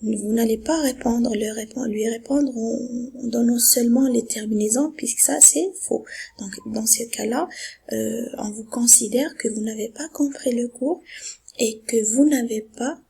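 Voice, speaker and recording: A woman teaching a grammar lesson, explaining patiently, repeating herself and checking that her students understand, in a breathy, half-whispered voice. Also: on the high side, a little slow, dark tone. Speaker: French teacher.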